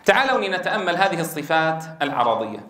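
High-voiced man teaching in an echoey room. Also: big pitch swings, bright, forceful tone. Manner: asks questions and answers them himself; stretches words slowly to show pronunciation. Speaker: Quran teacher. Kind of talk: tajweed lesson.

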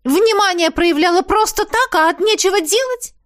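A woman voicing a fiery young heroine who is quick to anger, talking sharply and sarcastically. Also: sits high, lively intonation, voice pushed up. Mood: exasperated.

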